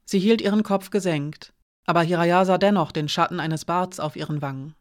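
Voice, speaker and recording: A woman narrating an audiobook in a measured, expressive reading. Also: on the low side.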